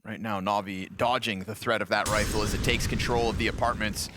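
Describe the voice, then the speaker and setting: A man's voice: fairly low pitch, little pitch movement, a bit bright, no room sound. Joking male esports caster. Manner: joking, quick banter between calls. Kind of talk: play-by-play commentary.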